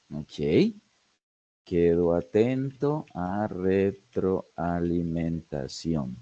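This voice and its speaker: A man's voice: low voice, dark tone, no echo, lo-fi sound. A man tutoring pronunciation in a language lesson, guiding learners step by step with frequent check-ins and words spoken. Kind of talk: online lesson narration.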